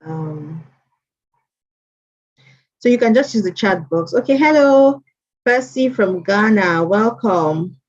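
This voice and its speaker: Speaking slowly and pausing often, a woman with an expressive mid-range voice hosts an online mentorship session. She reads attendees' names aloud, repeats greetings, and stays chatty, over dull lo-fi stream sound.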